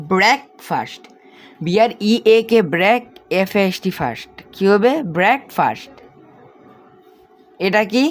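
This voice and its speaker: A woman teaching English spelling and pronunciation, spelling words out letter by letter and quizzing the viewer. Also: lowish voice.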